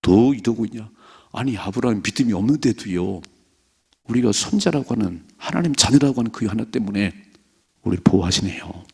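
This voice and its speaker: A middle-aged man preaching at dawn in a church, his low voice gravelly and husky. He presses his points hard and acts out the scripture's dialogue in a raised voice. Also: expressive, brisk, darkish tone. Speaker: pastor. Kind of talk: early morning sermon. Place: church sanctuary.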